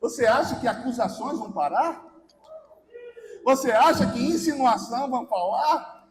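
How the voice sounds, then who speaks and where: A Brazilian man preaching a sermon in a church, fervently shouting and leading the congregation in repeated declarations. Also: very high-pitched, lively intonation, normal speed, a little hiss or hum, poor audio. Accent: Brazilian Portuguese. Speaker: pastor. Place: large church sanctuary.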